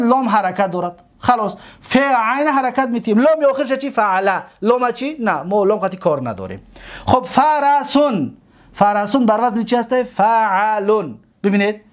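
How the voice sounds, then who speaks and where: A man with a Tajik accent leads a grammar lesson, asking his students questions and answering them himself. His voice sits high and swings widely up and down, and he slows right down to stretch out the words he drills. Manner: drawn-out slow repetitions of words, questions to students. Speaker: religious school teacher.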